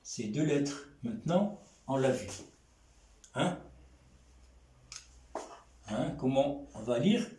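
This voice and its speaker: A man teaching an Arabic reading lesson in French, sounding out syllables slowly and checking in with his students again and again. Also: medium pitch, animated, warm tone. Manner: drawn-out syllables, frequent questioning "hein?". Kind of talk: slow classroom lesson. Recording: echoey room.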